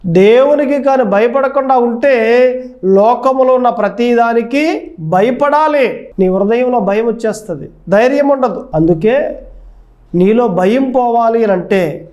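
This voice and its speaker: A man's voice: extremely high pitch, unhurried, darkish tone, dull audio. A male pastor delivering a sermon, coaxing his listeners with repeated phrases and rhetorical questions.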